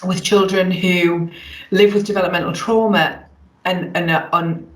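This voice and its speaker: A woman's voice: lowish voice, steady tone, unhurried. A woman who is a parent and podcast co-host, earnestly explaining her experience in a casual chat. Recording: echoey room, away from the mic.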